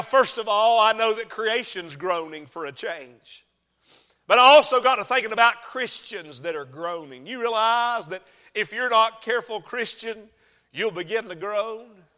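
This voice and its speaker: High-voiced preacher in a reverberant church. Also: male voice, unhurried, pushed and bright. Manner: preaching with call-and-response and rising outbursts. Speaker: pastor. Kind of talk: sermon. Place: church sanctuary. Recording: long hall reverb.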